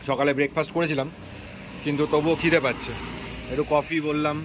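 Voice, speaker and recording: A slightly high-voiced man from Kolkata chats through a travel vlog, admiring the scenery as he walks. He talks into a phone held at arm's length outdoors in a rainy forest. The recording is noisy, with loud outdoor noise around him. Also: flat delivery, fast talker. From Kolkata, India. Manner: chatty, admiring, describes the scenery as he goes. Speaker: travel vlogger. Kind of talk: casual travel vlog narration.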